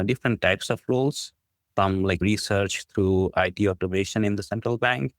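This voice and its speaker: A low-voiced, middle-aged business school dean from Bangladesh, with a Bangladeshi accent, appears as a podcast guest. Conversational, earnest and appreciative, he tells his story and often says "like, you know," with no room sound.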